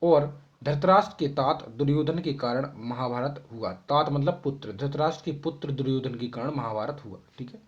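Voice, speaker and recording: A man's voice: mid-range voice, normal speed. A young man explaining homework answers to children, reading out each question and then dictating the answer, with a constant "ठीक है" to check in. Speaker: teacher. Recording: dull lo-fi sound.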